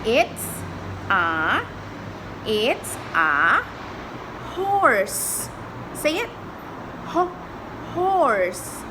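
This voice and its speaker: A woman's voice: a little high, sing-song, drawn-out words, long pauses. A woman teaching young children English words and spelling, talking in a repetitive, coaxing sing-song as if to a small child and spelling words out letter by letter. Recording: clearly noisy recording.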